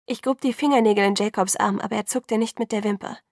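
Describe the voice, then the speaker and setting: A woman narrating an audiobook in the first person, measured and sometimes hushed. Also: medium pitch, steady tone, no echo, studio quality.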